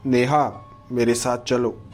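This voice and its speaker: A man's voice: mid-range voice, fairly even intonation, takes it slowly, faint music behind. Man doing a taunting male spirit. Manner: taunting, mocking. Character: mocking male spirit who haunts dreams.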